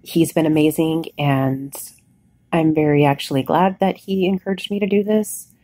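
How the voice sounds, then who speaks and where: A woman recording a casual, candid video diary, sounding weak and worn out after surgery, talking haltingly. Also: low voice, fairly even intonation, dark tone, breathy edge, no room sound. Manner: candid, plain-spoken. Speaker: patient vlogger recording a recovery diary. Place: hospital bed, indoors.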